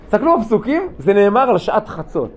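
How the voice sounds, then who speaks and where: A man giving an informal Torah class to yeshiva students, asking them questions and joking as he teaches. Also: high voice. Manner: lively, asks students questions, jokes. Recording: dull lo-fi room recording with faint noise.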